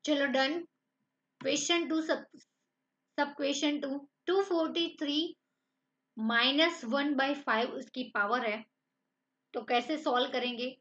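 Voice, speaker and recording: A woman's voice: sits high, unhurried, long pauses, fairly bright tone, lo-fi sound. A woman teaching a math lesson online, coaxing students through each step. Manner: encouraging, addresses students as friends.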